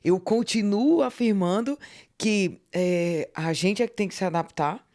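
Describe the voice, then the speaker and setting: A woman's voice: medium pitch, a little slow, a little mellow. A Brazilian woman co-hosting a podcast with a Brazilian Portuguese accent, making her points firmly with playful examples. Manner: firm, opinionated, with playful examples. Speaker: podcast co-host. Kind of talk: conversational podcast chat.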